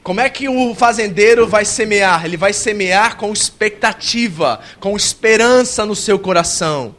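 High-voiced man preaching with big dynamics. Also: moderate pace. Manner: dynamic preaching, swinging from soft to loud; acts out a worshipper's complaints in a high whiny voice. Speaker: pastor. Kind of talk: sermon.

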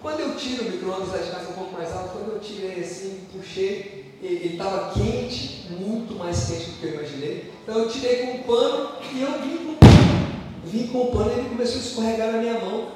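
A Brazilian man preaching a sermon, telling personal stories in an animated, joking way. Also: sits high, brisk, a little hiss or hum. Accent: Brazilian Portuguese. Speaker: pastor. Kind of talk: storytelling sermon. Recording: echoey hall from far off.

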